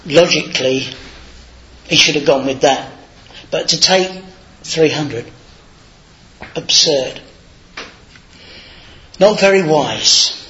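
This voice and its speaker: A man's voice: a little high, a little slow, long pauses, a bit bright. A man giving an informal, anecdotal sermon in a chatty, self-deprecating way, on a dull lo-fi recording. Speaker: lay preacher.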